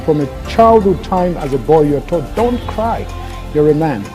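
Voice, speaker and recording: A man's voice: on the high side, lively intonation, moderate pace. A man giving scripted promo narration in an earnest, emphatic manner. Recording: music bed under the voice.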